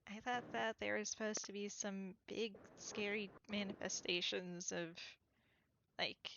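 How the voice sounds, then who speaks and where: Brief: woman as a weary, dead-inside boy, soft and halting, bright slow voice on a lo-fi mic. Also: mid-range voice, fairly even intonation, gravelly, a little hiss or hum. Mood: weary, guarded. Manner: quiet, hesitant, halting. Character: weary boy with an old soul, guarded.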